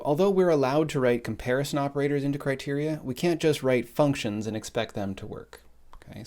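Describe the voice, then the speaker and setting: A man teaching a screen-recorded spreadsheet tutorial, explaining in a calm, methodical way while he types. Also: mid-range voice. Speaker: instructor.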